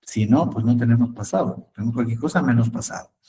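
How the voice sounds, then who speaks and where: Patient male English teacher, mid-pitched, repeats and checks in, distant mic. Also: dark tone, slight background noise. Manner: patient, repeats words slowly, asks "¿no?". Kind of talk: online class, explaining in Spanish.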